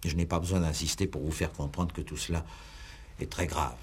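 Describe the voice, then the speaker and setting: A very deep male voice, steady in tone and brisk, plays an examining magistrate in a 1960s French radio police drama. The character is insistent and exasperated, formal and theatrical, pushing hard with sarcasm. A little hiss or hum sits under the recording.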